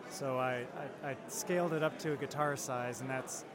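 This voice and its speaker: A man giving casual interview answers as a craftsman, explaining things in a slightly halting way. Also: medium pitch, heavy background noise. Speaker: guitar maker being interviewed. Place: busy guitar show. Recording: loud crowd behind voice.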